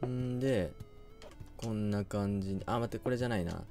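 A man's voice: on the low side, moderate pace, mellow, soft background music. A young man giving casual game commentary, thinking aloud and often hesitating. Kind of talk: casual let's play commentary.

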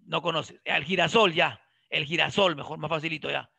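A man lecturing a biology class, quizzing his students and cracking jokes as he goes. His voice sits a little high and sounds bright and gravelly. It is recorded close and dry, with no room sound. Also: moderate pace, no room sound. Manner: lively, questioning students directly and joking. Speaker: biology teacher.

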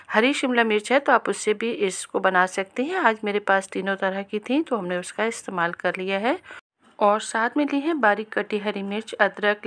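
Calm woman narrating a recipe. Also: medium pitch. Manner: calm, instructive, addresses viewers directly. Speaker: cooking channel host. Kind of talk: step-by-step recipe voice-over.

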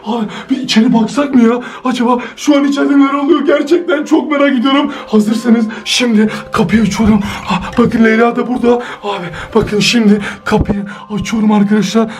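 Young guy with a really high voice, yelling and narrating to viewers at home. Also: brisk, hardly any pauses. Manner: excitable, shouting, breathless narrating. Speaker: co-host. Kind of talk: comedy skit commentary to viewers. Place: indoors at home.

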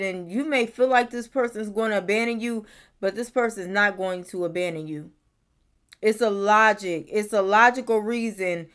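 A young woman giving a casual tarot reading to camera in her bedroom, musing and repeating herself as she thinks aloud. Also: medium pitch. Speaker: tarot reader. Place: bedroom, indoors.

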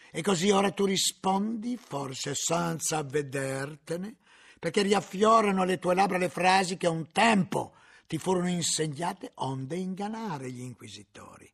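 A man's voice: a little high, gravelly, breathy edge, exaggerated voice. A man reading an audiobook aloud, voicing a stern, menacing male inquisitor who interrogates a frightened monk with harsh accusations. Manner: accusing, harsh, shouting at times. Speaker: audiobook reader.

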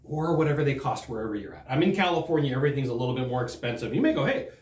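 A middle-aged man teaching sales to camera in a studio, talking in a lively, conversational way and acting out what customers say. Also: mid-range voice, racing, reverberant. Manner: animated, conversational, acts out customer quotes. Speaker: sales trainer. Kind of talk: direct-to-camera training talk. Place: studio in front of a green screen. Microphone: fixed camera, standing at a desk.

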